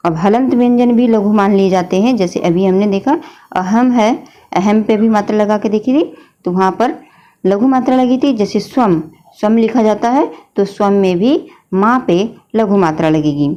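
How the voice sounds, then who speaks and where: A woman's voice: medium pitch, moderate pace, dark tone, muffled recording. A woman teacher explaining a grammar lesson patiently, often addressing her students as children. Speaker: Hindi teacher.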